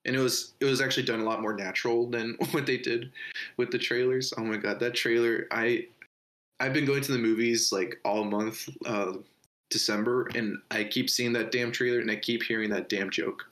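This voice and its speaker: Male podcast co-host, loose rambling movie chat, frequent laughter, average pitch. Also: fairly even intonation, moderate pace, fairly bright tone. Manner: laughs often, swears casually, rambling. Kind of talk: casual movie review chat.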